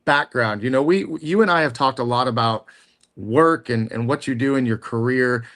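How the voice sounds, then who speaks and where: A man's voice: mid-range voice, normal speed, fairly bright tone. A man hosting a podcast interview, asking questions in an upbeat, encouraging way. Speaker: podcast host. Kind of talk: casual interview.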